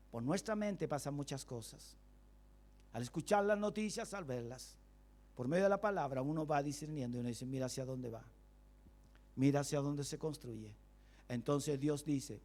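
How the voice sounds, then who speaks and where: A man's voice: mid-range voice, a little mellow. A male pastor preaching a Sunday sermon, asking the congregation questions and acting out everyday excuses in quoted voices. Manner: preaching with rhetorical questions and call-and-response.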